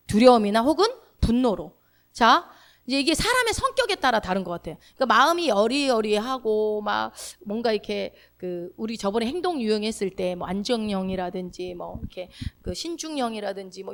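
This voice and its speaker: Lively high-voiced woman preaching. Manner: asks the congregation questions and answers them herself; acts out inner thoughts in quoted speech. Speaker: pastor. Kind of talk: sermon.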